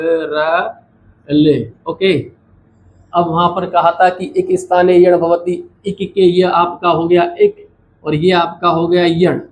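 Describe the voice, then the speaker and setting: A man's voice: high-pitched, a little mellow, a little hiss or hum, rough recording. A man teaching Sanskrit grammar. He asks questions, answers them himself, and calls his students "beta". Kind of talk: classroom lecture at a board.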